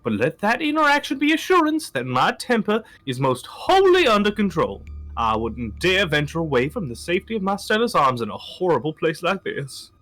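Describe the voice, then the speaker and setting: A man voicing a genteel, very animated talking cat. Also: high voice, moderate pace, soft background music, exaggerated voice. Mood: apologetic. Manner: formal, genteel and courteous. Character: polite, proper talking male cat. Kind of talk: fan voice drama.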